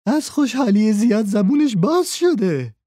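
A man's voice: high voice, big pitch swings, warm tone, no echo, studio quality, pitched above the performer's own voice. A man voicing a sly, bossy male thief leader in a storybook, speaking sharply and commandingly. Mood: smug.

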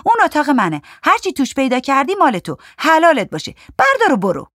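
Male narrator putting on a shrill pushy older woman, storybook, bickering high voice. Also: animated, pushed and bright, no room sound, clean studio sound. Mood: shrill, quarrelsome. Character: fussy shrill older woman, Goli joon.

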